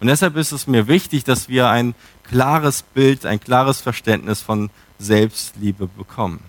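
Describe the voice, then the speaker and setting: Man, sermon, reflective, questioning, mid pitch, dry sound. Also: a little slow, no room sound. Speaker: preacher.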